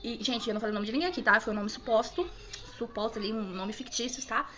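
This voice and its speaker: A young woman from Brazil telling an emotional personal story, fast and full of restarts. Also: a little high, pushed and bright, lo-fi sound. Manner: rapid, emotional, many fillers and restarts. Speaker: vlogger telling her birth story.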